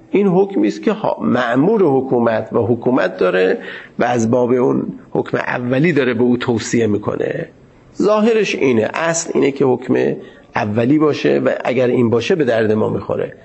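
Gravelly male seminary lecturer. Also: medium pitch, darkish tone, muffled recording. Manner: formal, measured, pauses to search for words. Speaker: teacher of Islamic jurisprudence.

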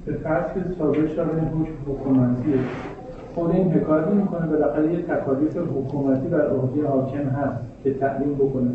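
A man's voice: fairly high pitch, fairly even intonation, background noise. A man in class putting a question to his teacher, reasoning it through aloud. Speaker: student asking a question. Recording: distant, echoey, phone-like classroom audio.

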